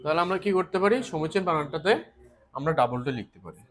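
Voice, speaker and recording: A man's voice: a little high, expressive. Man teaching spelling, asking and answering. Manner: asks questions and answers them himself; repeats key words slowly. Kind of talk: spelling lesson for exam students.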